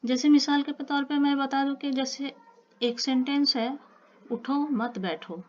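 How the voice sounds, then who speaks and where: A woman teaching an online grammar lesson, explaining slowly with repeated examples and speaking to her students as children. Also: sits high, flat delivery, muffled recording.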